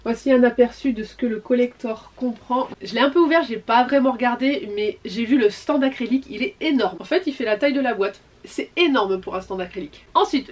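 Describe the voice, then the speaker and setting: Chatty French-speaking woman, high-pitched. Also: recorded from a distance. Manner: chatty, enthusiastic, apologetic asides. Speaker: manga vlogger. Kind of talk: casual unboxing vlog.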